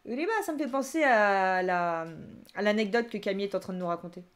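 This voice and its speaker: A woman's voice: medium pitch, fast. A young woman teaching Japanese vocabulary on a live stream, reading out and reacting to chat answers with frequent laughter. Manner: lively, laughs often, reads chat answers aloud.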